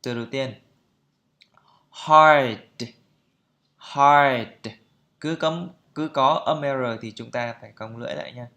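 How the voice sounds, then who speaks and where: A man teaching pronunciation, explaining calmly and then drilling sounds and words aloud with slow, deliberate repetition. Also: mid-range voice, creaky. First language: Vietnamese.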